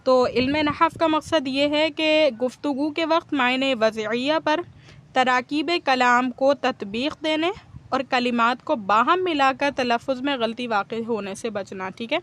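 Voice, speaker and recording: A woman giving a patient grammar lesson, often pausing to check that students follow. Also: sits high, a bit bright. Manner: patient, keeps checking understanding with "okay?". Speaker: teacher of Arabic grammar. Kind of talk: explanatory classroom lecture.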